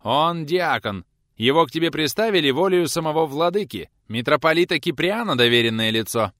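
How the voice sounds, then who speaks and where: A man voicing a brash, self-important young church servant who shouts his orders. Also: sits high, big pitch swings, moderate pace, dry recording, clean studio sound, pitched above the performer's own voice, exaggerated voice. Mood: shrill insistent.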